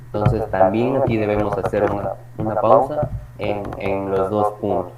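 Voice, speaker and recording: A man teaching a reading workshop lesson on punctuation, explaining step by step and slowing down for examples. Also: fairly low pitch, over loud music. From Ecuador. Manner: explanatory, slows for examples, frequent restarts. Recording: echoey room, distant mic, dull sound, crowd.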